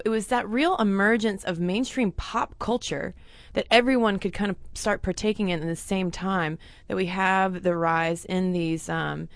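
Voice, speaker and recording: A woman's voice: medium pitch, no echo. Dry-sounding woman co-hosting a chat. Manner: chatty, reads out facts and figures with playful asides. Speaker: podcast co-host. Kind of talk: casual chat.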